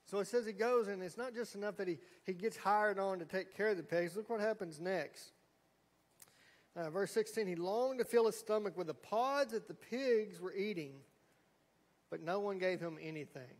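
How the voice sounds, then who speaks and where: A man's voice: high-pitched, normal speed. A middle-aged man preaching a sermon, telling folksy stories and acting out quotes. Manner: folksy storytelling with acted quotes. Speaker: pastor. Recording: long hall reverb.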